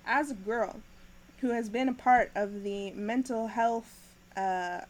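A young woman hosting a podcast, recapping a TV episode in casual chat, laughing often and filling pauses with ums. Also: a little high, steady tone, rough recording.

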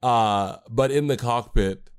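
A man's voice: mid-range voice, takes it slowly, smooth. A man co-hosting a casual podcast chat, rambling with fillers and restarts. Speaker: podcast co-host and anime creator.

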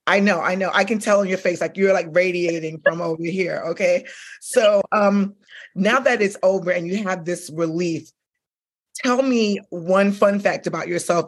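A woman's voice: on the low side, normal speed, slightly rough. A woman hosting an interview podcast, enthusiastic and chatty, peppering her questions with "like" and "okay?". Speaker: podcast host.

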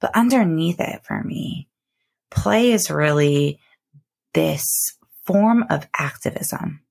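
A woman with a low voice and plenty of vocal fry speaks slowly into a close mic. She hosts a solo podcast as an intimate, casual monologue. Her delivery is reflective, with stretched words and room to pause. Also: animated, darkish tone. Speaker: podcast host. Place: cozy bedroom, recording from bed.

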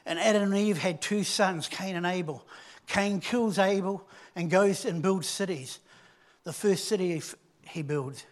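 A man preaching a sermon, retelling a story and dropping from loud emphasis to hushed, low tones. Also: unhurried.

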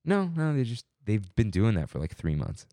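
A man's voice: fairly low pitch, normal speed, dry recording, clean studio sound. A man, co-hosting a podcast in casual chat and telling stories with lots of laughter. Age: 20s. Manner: animated, laughing storyteller. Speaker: podcast co-host.

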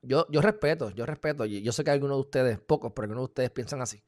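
A man's voice: medium pitch, racing. Heated Puerto Rican man ranting live. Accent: Puerto Rican Spanish. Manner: emphatic and heated, with sudden loud outbursts; informal, addresses viewers as "mi gente". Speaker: live-stream political commentator. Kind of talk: casual live video commentary.

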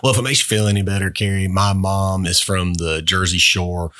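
A man's voice: low voice, steady tone, brisk, sharp tone. A man hosting a casual interview, friendly and chatty, laughing along with his guest. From Albany, Georgia. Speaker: interview host, banker.

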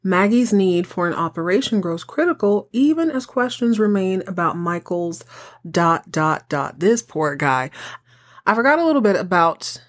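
A woman's voice: medium pitch, big pitch swings, normal speed, dry recording, studio quality. A woman hosting a TV recap show with casual, chatty commentary and a campy, sassy, theatrical delivery. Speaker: host of a TV soap recap show.

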